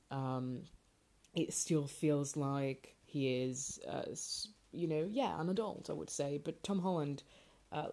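Her voice is deep and dark-toned as she hosts a solo podcast from a garage at home, recording into a makeshift setup instead of a real microphone. The talk is casual, rambling, and a bit hesitant. The whole thing has the feel of an amateur garage recording in an indoor parking space.

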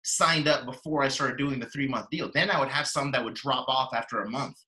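A man talking casually about his copywriting business in a podcast interview, blunt, swearing freely, with quick sales patter. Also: mid-range voice, bright, forceful tone, low-quality recording. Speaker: copywriter guest.

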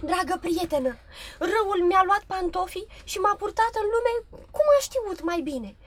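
A woman's voice: very high-pitched, animated. A woman voicing a timid, curious little girl who asks hesitant questions in a radio play. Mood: earnest.

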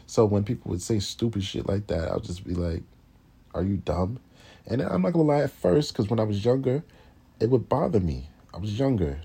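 A low-voiced man tells his story as a classical pianist, blunt and profane. His voice sits deep and has a husky edge. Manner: blunt and profane, with animated impressions of others. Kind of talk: casual storytelling.

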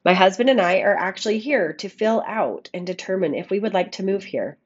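A woman podcast host with a scratchy frog voice, hoarse from a cold, giving a reflective monologue and addressing listeners affectionately on a makeshift microphone. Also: mid-range voice, animated, fairly quick, lo-fi sound. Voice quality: scratchy, froggy voice. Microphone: makeshift microphone, not a studio one.

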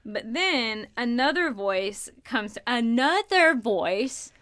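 Young woman podcast co-host, slightly high voice, chatty and animated storyteller, filler-heavy. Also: slow pace. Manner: animated, filler-heavy retelling of a ghost hunt. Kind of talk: casual chat storytelling.

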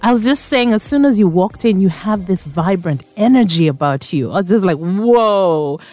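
A woman hosts a radio talk show from a studio. Her voice sits at a middle pitch, and she sounds chatty and playful, laughing easily with her guest. Faint music plays underneath. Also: lively intonation, normal speed, darkish tone. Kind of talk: casual radio interview.

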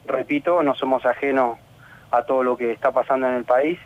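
Argentine footballer, male, halting and frustrated, phone-line sound on radio. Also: mid-range voice, fairly even intonation. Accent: Argentine Spanish. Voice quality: halting, many restarts and fillers. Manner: earnest, frustrated. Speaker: professional footballer. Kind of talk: radio interview.

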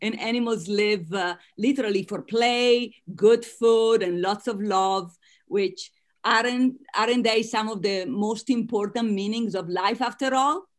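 An Italian woman, a guest author, answers interview questions with sincerity and laughs lightly between her points. She speaks with an Italian accent in a medium-pitched voice at a slightly slow pace.

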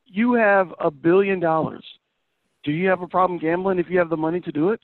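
A man who is a parent, co-hosting a podcast in casual chat, playful and animated when telling stories. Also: sits high, a little fast. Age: adult parent. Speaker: podcast co-host. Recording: tinny phone-like dry sound.

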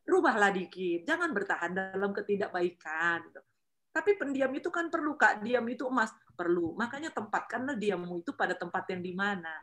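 A woman speaking, giving a casual faith talk. Her delivery is lively and chatty, with steady tag questions. She slips into playful voices for the people she quotes, and her pitch sits in the middle range. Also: fairly quick.

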